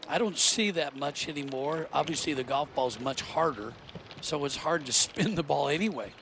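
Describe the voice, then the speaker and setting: A man's voice: fairly high pitch, lively intonation, normal speed, gravelly, fairly bright tone, a little hiss or hum. A man giving live golf commentary, explaining technique in a conversational analyst's way. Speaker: golf commentator, former player.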